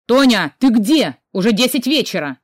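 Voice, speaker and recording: A woman reading an audiobook voices an irritable older brother who scolds loudly and fires off questions. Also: medium pitch, expressive, no echo, studio quality, lightly acted. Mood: shouting. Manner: loud, scolding, rapid-fire questions. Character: irritable young man, a bossy older brother.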